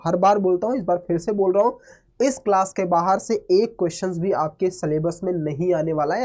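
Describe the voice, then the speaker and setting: A man with a high-sitting voice teaches an online maths exam-prep lesson, hoarse from a cold yet energetic. He mixes Hindi with English phrases and keeps checking in with his students.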